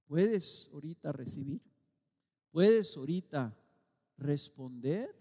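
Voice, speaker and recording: A middle-aged Mexican man preaching a sermon as pastor, dramatic and swinging between loud calls and quiet, slowly stressed words. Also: on the high side, expressive. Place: church sanctuary. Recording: long reverb of a church hall.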